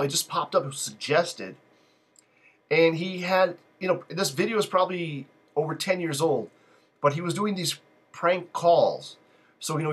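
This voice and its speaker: A man hosts a live call-in stream in a rambling, unscripted monologue, drifting off topic and cracking jokes. His voice is husky and breathy, with a bright, forceful edge and a pitch a little above most men. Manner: digressive, loose and joking. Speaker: live call-in show host.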